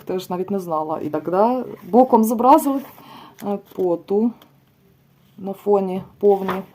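A woman's voice: medium pitch, dark tone, slight background noise. A young adult woman casually reviewing a book, listing bird names one by one with chatty asides. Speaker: tarot and oracle vlogger. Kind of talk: casual book review, leafing through pages.

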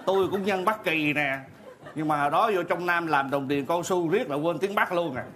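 A man's voice: a little high, normal speed, background noise, natural voice. A man playing a sly, greedy old village elder in a live stage comedy sketch, playful as he reads out a list. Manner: playful, reading out loud.

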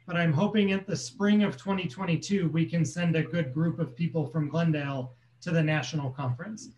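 A man's voice: a little high, steady tone, fairly quick, darkish tone, lo-fi sound. Man leading a video call meeting. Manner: explains plainly, with many ums. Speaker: community council chair. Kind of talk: casual meeting talk. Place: small room at home. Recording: echoey room.

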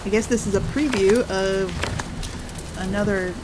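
A woman's voice: medium pitch, unhurried. A woman co-hosting a game playthrough, reading text casually with playful, dry asides. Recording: clear noise and game sound behind.

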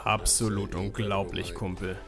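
A man's voice: deep voice, little pitch movement, unhurried, music in the background. A man in his thirties narrating a carp fishing travel vlog, speaking with enthusiasm and exclaiming over big fish. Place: outdoors by a lake.

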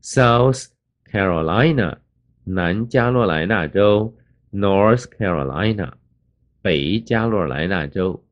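A man's voice: sits low, lively intonation. An older man teaching in a patient lecture, naming places and repeating the English words with care. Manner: explains slowly, spells out English place names. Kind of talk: classroom lecture over a map. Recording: dull lo-fi recording.

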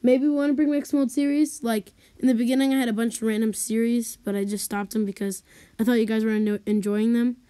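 A woman's voice: fairly high pitch, steady tone, quick pace, warm tone. A young woman chatting casually and a little hesitantly in a voice-over, recorded on a built-in laptop-style mic without a proper microphone. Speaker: video creator. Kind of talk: casual chat, voice-over to gameplay. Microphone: built-in laptop or device microphone.

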